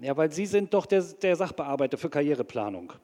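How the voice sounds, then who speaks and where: An actor playing an anxious, earnest bank clerk who rambles hesitantly as a polite caller in a comedy sketch. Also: male voice, a little high, very animated, a little fast, mellow, big-room sound. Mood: pleading.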